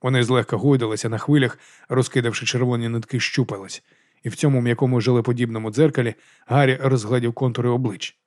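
A man reading a novel aloud as an audiobook narrator, in brisk, even storytelling. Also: medium pitch, no room sound, studio quality.

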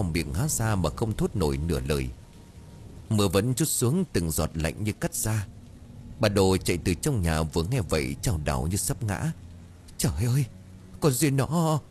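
A deep-voiced man reads a dramatic audiobook story with lively, rising and falling intonation. A faint background noise sits under his voice. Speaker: narrator. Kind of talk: scripted audiobook narration.

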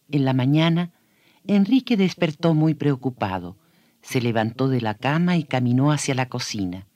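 Expressive man telling a kids story. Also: medium pitch, dry recording. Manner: expressive, addresses young listeners directly. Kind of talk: scripted storytelling for children.

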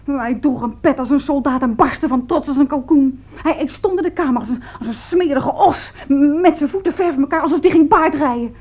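A loyal, fiery young housemaid, voiced by a woman, rattles through her story with stammers. Her voice sits high, and the old radio play recording sounds dull and lo-fi. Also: brisk, few pauses, close to an everyday voice. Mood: indignant. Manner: breathless lively storytelling, stammering. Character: loyal excitable female housemaid, young adult. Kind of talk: radio drama acting.

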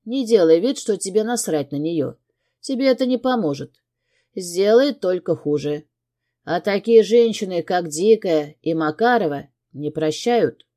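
A woman's voice: fairly low pitch, animated, measured pace, mellow. A woman reading an audiobook and voicing a tough, hot-tempered male crime boss who gives harsh commands. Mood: cold. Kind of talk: audiobook character voice.

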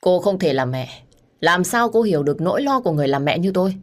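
A woman's voice: fairly low pitch, lively intonation, fast, close to an everyday voice. Woman doing a cruel, sneering rival woman. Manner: sneering, contemptuous. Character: cruel, vain young woman, spiteful and cold.

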